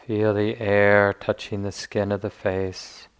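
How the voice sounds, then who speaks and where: A male meditation teacher guides a session gently, speaking in unhurried phrases separated by long pauses. His voice is fairly low, flat in delivery and clean in tone.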